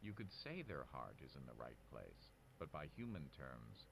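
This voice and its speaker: Deep-voiced quiz announcer. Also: male voice, big pitch swings, creaky, full character voice. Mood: formal. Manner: measured, formal reading of questions and options. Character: male quiz announcer reading trivia questions. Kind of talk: scripted game show announcing. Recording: noisy game audio.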